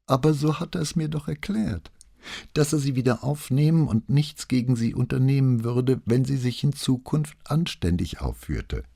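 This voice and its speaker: A man's voice: medium pitch, expressive, normal speed, vocal fry, dark tone, no room sound, clean studio sound, voice pushed up. A man voicing a proud, agitated married woman who confesses in a pressed, indignant tone. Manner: pressed, indignant, self-righteous.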